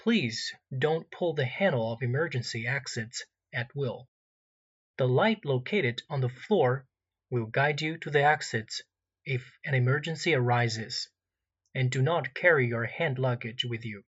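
A man reading recorded airline cabin announcements in a formal, measured way, pausing where details would be filled in. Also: mid-range voice, slightly rough, muffled recording. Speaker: in-flight announcer.

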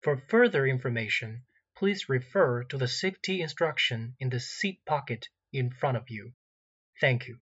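A man's voice: medium pitch, expressive, a bit bright, husky, lo-fi sound. Formal male airline cabin announcer. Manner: formal, measured template reading with gaps for details. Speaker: in-flight announcer.

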